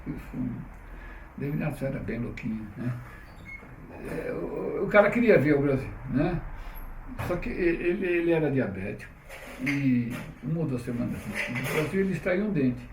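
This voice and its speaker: A middle-aged man, an interviewee who works as a publisher, tells stories in a relaxed, chatty and loose way, often restarting and tacking on "né?" at the ends of phrases. His voice is a little high and expressive, at a normal speed. He's recorded on a distant mic in an echoing room, with a faint hiss in the background.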